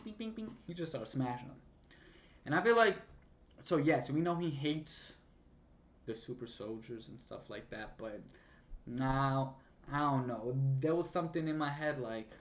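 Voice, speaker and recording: This is an excitable man recapping an episode in loose, slangy talk, mimicking the action with sound effects. His pitch sits in a middling range. The recording has a slightly dull, lo-fi sound. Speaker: show recap vlogger.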